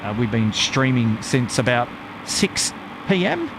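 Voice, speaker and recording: A male live stream host gives casual commentary in a mid-pitched voice. He rambles in a matey, hesitant way over clearly noisy outdoor audio. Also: huge pitch swings, unhurried.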